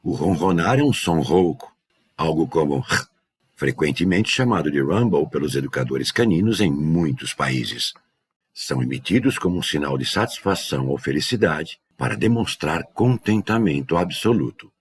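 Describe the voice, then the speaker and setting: A man working as a dog trainer, giving a measured, scripted educational narration. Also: a bass voice, expressive, husky. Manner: measured, explanatory delivery.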